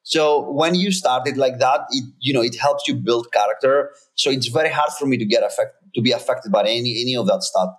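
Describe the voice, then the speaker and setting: A mid-range male voice moves briskly with few pauses. The speaker, an earnest and emphatic company founder in his thirties originally from Greece, is a guest in a casual interview and frequently begins his sentences again.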